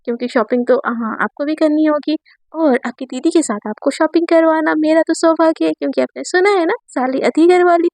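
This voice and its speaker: A woman's voice: high voice, a little fast, a little mellow, dry recording. A woman voicing a playful, pushy young man who teases and coaxes in a pleading way. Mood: coaxing. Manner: coaxing, teasing, pleading.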